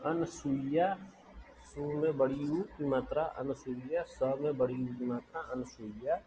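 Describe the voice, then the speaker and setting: A man teaching a spelling lesson, dictating words slowly and repeating each one deliberately. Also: medium pitch, dark tone, a little hiss or hum, low-quality recording.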